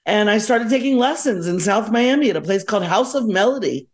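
A middle-aged or older woman from South Florida, a musician and educator, reminisces casually as a podcast guest, digressing and correcting herself along the way. She speaks fairly quickly at medium pitch with lively intonation.

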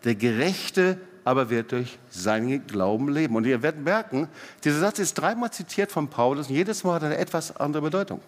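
A middle-aged man preaching a sermon, swinging between loud emphatic rises and soft quiet drops, often putting questions straight to the congregation. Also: on the high side, lively intonation, fairly quick. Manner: asks the congregation direct questions. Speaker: pastor. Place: church hall. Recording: long church hall reverb.

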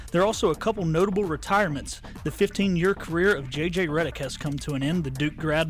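A man reading a brisk scripted sports news update on radio. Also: on the high side. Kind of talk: read sports news bulletin.

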